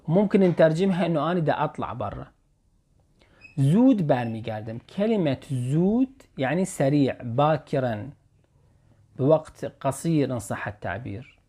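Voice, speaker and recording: A man with an Iraqi Arabic accent teaching short Persian phrases, slowly repeating examples and explaining each word. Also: a little high, darkish tone. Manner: slow careful repetition of example phrases.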